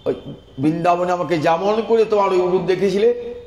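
A man preaches a devotional sermon, breaking into rising, sing-song chants of sacred names. His voice sits a little high for a man. It rings through a large hall with a long, roomy echo. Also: moderate pace, darkish tone.

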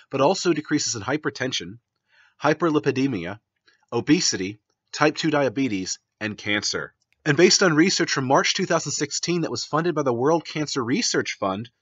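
A man's voice: mid-range voice, fairly bright tone, slightly rough. A young man on his fitness vlog, reading a scripted commentary with emphatic, blunt asides, filmed on a webcam in a home kitchen. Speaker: vegan fitness vlogger.

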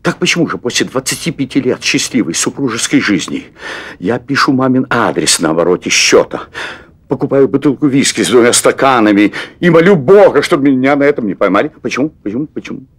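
A man's voice: mid-range voice, lively intonation, fairly quick, slightly rough, no echo. An actor in his fifties playing a nervous middle-aged restaurant owner who confesses at length, hesitating and repeating words, in a stage play recorded for television. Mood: confessional. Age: 50s. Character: anxious middle-aged man, restaurant owner craving adventure. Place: theatre stage set as hotel room.

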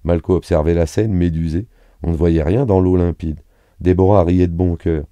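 A man reading a serialized novel aloud in an even, unhurried narration on a close studio mic. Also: low voice, dry recording. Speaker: audiobook reader.

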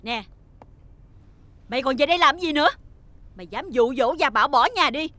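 A wealthy mother in a TV drama, speaking with a Southern Vietnamese accent. Her voice sits high and turns shrill and scolding. She fusses over her own son but tears into the boy she blames. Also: lively intonation, moderate pace, fairly bright tone, dry recording. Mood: furious. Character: wealthy mother, doting to her son, harsh to his friend. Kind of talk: TV drama acting.

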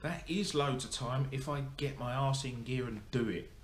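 At a moderate pace and in a mid-range voice, a young motorsport vlogger rambles through a casual camera update, packed with ums and restarts. The camera is in front of him, and the indoor workshop gives an echoey sound with a faint hum.

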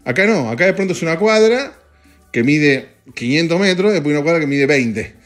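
A man's voice: fairly high pitch, expressive, fairly quick, soft background music. Rambling Argentine guy, joking chat. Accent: Argentine Spanish. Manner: rambling, joking, swears casually, jumps between topics. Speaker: podcast host. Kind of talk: casual voice-note chat. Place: standing in an office.

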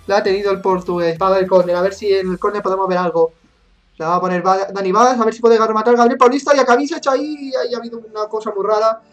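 A woman's voice: mid-range voice, very fast, highs cut off. Spanish gamer woman in her 20s, live play-by-play, hot-headed and foul-mouthed, faint music underneath. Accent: Spain Spanish. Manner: excitable, swears often, rants at the referee. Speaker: gaming YouTuber. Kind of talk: live gameplay commentary.

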